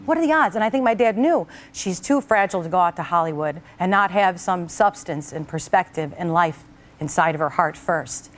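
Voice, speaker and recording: Telling her guest a story from her own life, this talk show host has a lowish voice and a normal pace. She's animated and acts out each person's voice as she goes.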